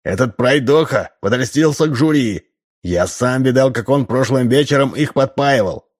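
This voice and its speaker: A man's voice: medium pitch, moderate pace, pitched above the performer's own voice, natural voice. A man voicing an aggrieved farmer indignantly accusing his rival.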